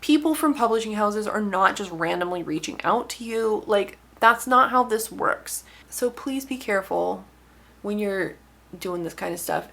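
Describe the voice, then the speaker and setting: A young woman author talking casually to camera in a wry, exasperated way, with lively emphasis. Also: mid-range voice, gravelly. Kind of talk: casual vlog talk to camera.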